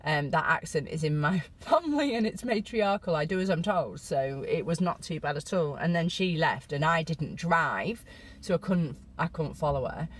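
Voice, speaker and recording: A middle-aged British woman chatting casually to camera, telling a personal story with self-mocking humour and sudden high jumps for emphasis. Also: expressive, normal speed, few pauses. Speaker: vlogger.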